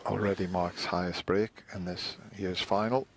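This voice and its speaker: A man giving hushed, measured live commentary on a snooker match. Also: sits low, fairly even intonation. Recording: arena crowd and ambient noise. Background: snooker arena audience.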